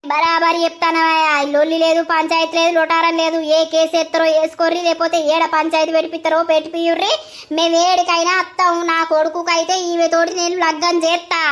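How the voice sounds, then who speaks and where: A woman voicing a sharp-tongued mother-in-law in a cartoon, ranting fast in a Telangana Telugu accent. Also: very high voice, completely flat delivery. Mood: defiant. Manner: fast, scolding rant.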